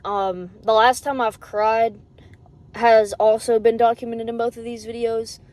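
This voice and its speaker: A woman's voice: on the high side, flat delivery, unhurried, a little mellow. A woman chatting casually and candidly to the camera in a rambling, informal running vlog. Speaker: running vlogger.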